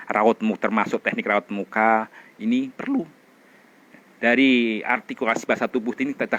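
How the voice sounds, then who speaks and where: A middle-aged man teaching a public speaking class, demonstrating expressions and vocal drills with loud chants and quiet whispers. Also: fairly low pitch, muffled recording. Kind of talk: energetic training class.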